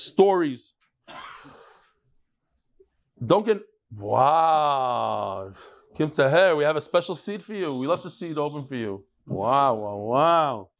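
A mature man, a rabbi teaching a Talmud class in an informal, conversational way, posing questions and answering them himself. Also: on the high side. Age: middle-aged or older. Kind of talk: informal lecture with chatty asides.

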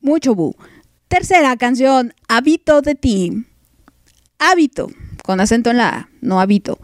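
A woman's voice: on the high side, expressive, normal speed, darkish tone. A woman hosting a casual music podcast, teasing her listeners with mock outrage and frequent laughs. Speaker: podcast host.

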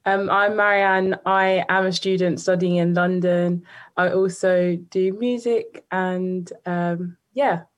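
A woman's voice: lowish voice, fairly even intonation, slow. A twenty-year-old woman speaking hesitantly as a panelist. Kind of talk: panel discussion.

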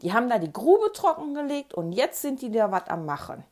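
A woman's voice: on the high side, very animated, fairly quick, a little mellow. A woman with a Ruhr German accent voicing a chatty, brusque older aunt in a spoken memoir story. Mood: offhand. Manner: offhand, dialect-heavy.

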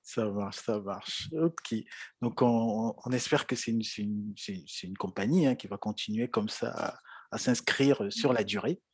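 A man's voice: fairly low pitch, a little slow, husky, no echo. A man hosting a casual interview, friendly and informal with his guest. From Cameroon. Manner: friendly, informal, sends greetings to listeners. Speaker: interviewer, host.

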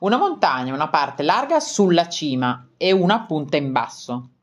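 A woman voicing an odd, cheerful female bat in a storybook reading, speaking in a bright, matter-of-fact, playful way. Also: sits low, very animated, moderate pace.

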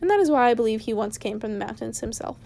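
A woman's voice: on the high side, expressive, quick pace, vocal fry, dark tone, a little hiss or hum. A woman reading aloud as a cross, lecturing old male wizard from a storybook, in a voice close to her own. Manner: stern, lecturing.

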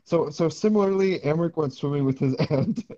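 A man's voice: fairly high pitch, fairly quick, warm tone, dull audio. A young man joking around in a casual chat with his friends.

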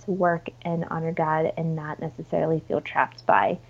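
A woman's voice: sits low, fairly even intonation, moderate pace, highs cut off. A woman chatting casually as a podcast guest, informal and enthusiastic, with plenty of "like" and "you know". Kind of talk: casual, chatty interview conversation.

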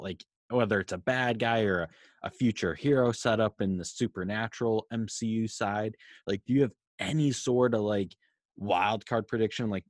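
A man's voice: lowish voice, dry recording, studio quality. A man co-hosting a podcast, chatting casually and posing questions with frequent filler words. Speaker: podcast co-host. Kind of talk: casual chat.

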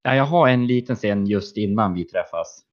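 A man in casual chat, speaking calmly and matter-of-factly. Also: lowish voice. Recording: dull lo-fi audio.

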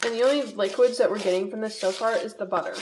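In a casual cooking talk, a young podcast host goes over a recipe in her home kitchen, chatty and rambling as she pokes fun at herself. She talks fast in a mid-range voice against a noisy background.

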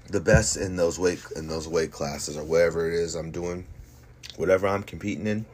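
A man with a very low voice talks himself up in a casual, cocky monologue, piling up repeated phrases for emphasis. His speech is slangy and boastful, with some noise behind him. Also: fairly even intonation, normal speed, a little mellow. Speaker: fighter. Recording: noticeable background noise.

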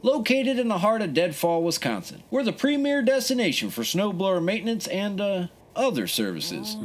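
A man playing a sleazy small-town mechanic hawking his shop in a comedic radio ad, with slick salesman patter full of innuendo. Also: sits high. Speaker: radio ad announcer.

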